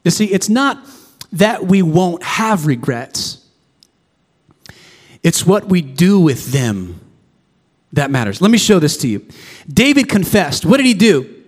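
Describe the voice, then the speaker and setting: A male pastor with a noticeably high voice preaches an impassioned sermon to a congregation in a church sanctuary, whose long reverb rings through the sound. He speaks slowly with big pitch swings and frequent pauses, repeating phrases to drive points home and briefly acting out the figures he preaches about.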